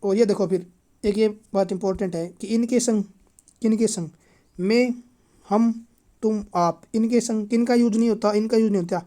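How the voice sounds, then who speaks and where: A woman's voice: steady tone, normal speed. A woman teaching an exam-prep grammar lesson, chanting lists of word forms and repeating reminders to remember them. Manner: repeats "ठीक है" and "इतना याद रखना है" as fillers; drops softer and lower at each "remember this" reminder.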